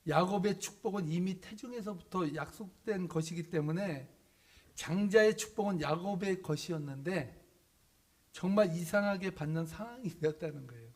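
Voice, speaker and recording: A man's voice: high voice, normal speed. A man preaching a sermon as pastor. He tells the story with drama, acts out the characters' lines, and puts questions to the congregation. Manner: animated storytelling, acting out biblical characters' lines.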